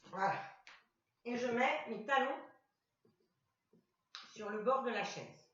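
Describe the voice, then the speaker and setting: A high, bright-voiced woman guides a chair workout, cueing breaths and movements slowly and patiently. She sounds far from the microphone, in a very echoey room with a dull, muffled recording. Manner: calm step-by-step cueing, repeating commands. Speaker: fitness instructor. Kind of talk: guided exercise class instruction.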